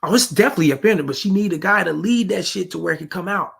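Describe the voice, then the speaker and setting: A man's voice: high-pitched, lively intonation, very fast, creaky, fairly bright tone, husky. A man giving blunt, profane dating advice to the fellas while reacting to a street clip. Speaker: reaction commentator. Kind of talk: reaction commentary.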